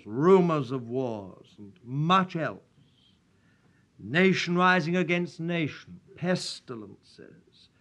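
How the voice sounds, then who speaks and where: Slow, solemn preacher at a pulpit microphone. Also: male voice, on the high side. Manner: solemn and measured, old-fashioned prayer wording. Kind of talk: sermon with prayer and scripture reading. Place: church.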